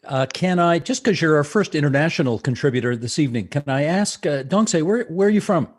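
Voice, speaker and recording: A man's voice: a little high, expressive, fairly quick. A middle-aged man hosting a public online presentation from a home office over a video call, a friendly moderator who jokes. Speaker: host. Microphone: video call with earphones and desk mic.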